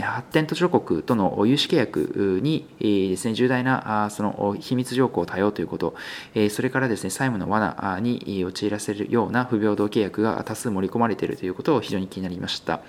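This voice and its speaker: A man's voice: lowish voice, animated, fairly quick, darkish tone. A male business news host talking through market figures in a conversational, unscripted way, with many filler sounds and hesitations. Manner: conversational, polite sign-off.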